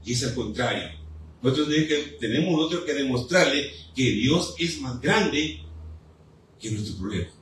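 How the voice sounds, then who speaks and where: A man preaching a fervent sermon as pastor, with pauses and repeated appeals to the congregation. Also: mid-range voice, lively intonation, fairly bright tone, a little hiss or hum. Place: church sanctuary. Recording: echoey church hall, mic at a distance.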